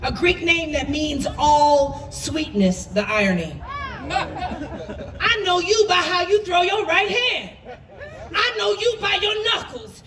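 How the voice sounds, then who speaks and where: A woman poet with an extremely high, slightly bright voice gives a dramatic, emphatic and impassioned spoken word performance. The mic sits far away, leaving a roomy echo on the recording.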